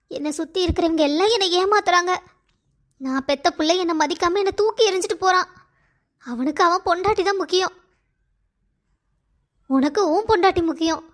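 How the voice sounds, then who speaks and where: A woman's voice: high-pitched, fairly quick, pauses often, natural voice. A woman voicing an aging, self-pitying mother-in-law who wails her complaints in a cartoon story. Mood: bitter. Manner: wailing complaint.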